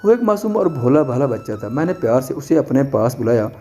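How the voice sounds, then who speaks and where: A man reading a first-person detective story aloud in a steady, measured way. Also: medium pitch, soft background music. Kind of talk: scripted first-person narration.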